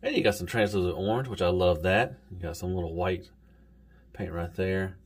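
A man's voice: sits low, normal speed, breathy edge. A man with a Southern US accent, casually reviewing an action figure in an easygoing, rambling way. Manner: easygoing, rambling, says "golly" and "y'all". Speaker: toy reviewer.

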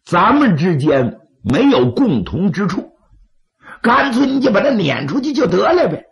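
A man, as a dramatic storyteller, voicing an angry, impatient bandit with a gravelly voice. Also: high-pitched, big pitch swings, moderate pace, pitched above the performer's own voice, exaggerated voice. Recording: slightly dull, lo-fi audio.

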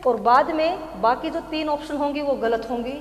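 A woman teaching a phonetics lesson, slowly repeating example words and asking "clear?" after almost every point. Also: high voice. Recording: echoey hall with long reverb.

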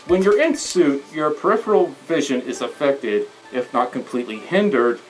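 A man's voice: fairly high pitch, expressive, moderate pace, soft background music, poor audio. A man giving casual, earnest how-to advice through a costume head, with little chuckles. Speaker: fursuit guide presenter. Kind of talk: casual instructional talk.

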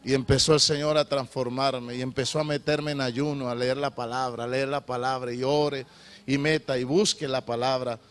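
A middle-aged man preaching a sermon, swinging from loud shouted appeals to low, confessional testimony. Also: level tone, normal speed, clear, resonant tone.

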